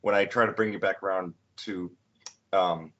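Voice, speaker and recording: A man in his twenties hosting a casual podcast chat, talking in halting bursts with many restarts. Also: sits low, fairly even intonation, a bit bright. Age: 20s. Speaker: podcast host. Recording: dull lo-fi recording.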